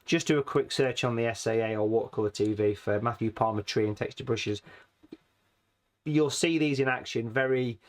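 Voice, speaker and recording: Man, watercolour tutor, friendly chat, hoarse rusty voice. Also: mid-range voice, normal speed. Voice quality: rusty, slightly raspy. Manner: chatty, friendly, calls viewers folks. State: hoarse from hay fever. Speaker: watercolour painting teacher. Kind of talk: casual painting tutorial.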